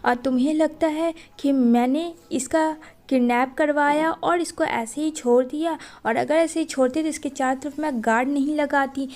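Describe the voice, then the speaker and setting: A woman's voice: sits high, fairly even intonation, normal speed, few pauses, a little mellow, lightly acted. A woman voicing a scheming female celebrity who fakes a mother's worry, speaking theatrically and accusingly.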